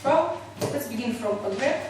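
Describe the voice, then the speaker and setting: A high-voiced woman with a Russian accent explains an exercise to her group. She speaks halting English, often pausing to find the word. The recording is distant and very echoey, with clear noise behind her. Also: expressive. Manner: halting, searching for words in non-native English. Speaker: teacher leading a group exercise.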